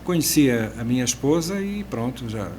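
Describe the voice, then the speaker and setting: A Portuguese man in his sixties, speaking with a European Portuguese accent, tells his life story as a guest on a casual podcast, restarting sentences and using hesitant fillers. His medium-pitched voice is animated and a little mellow, at normal speed, with slight background noise.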